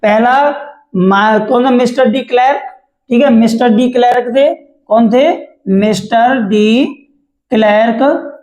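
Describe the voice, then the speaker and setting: Teacher in an echoey room, asking and answering himself. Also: male voice, very high-pitched, slow, a little mellow. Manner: repeats questions to the class and answers them himself. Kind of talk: explaining a textbook chapter.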